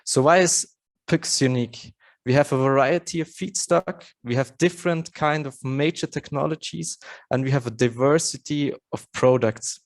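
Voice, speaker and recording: A man's voice: medium pitch, moderate pace. A man in his thirties from Austria, an English speaker, giving a conference presentation earnestly with frequent fillers and restarts. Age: 30s.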